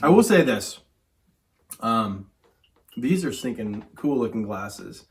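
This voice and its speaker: Young guy with a hoarse sick voice, chatting through a bourbon tasting, laid-back and rambly. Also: fairly low pitch, sing-song, slow. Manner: chatty, laid-back, says "stinking" and "um" a lot. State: hoarse from a cold. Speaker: whiskey reviewer host. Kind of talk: casual whiskey review chat. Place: home man cave, indoors.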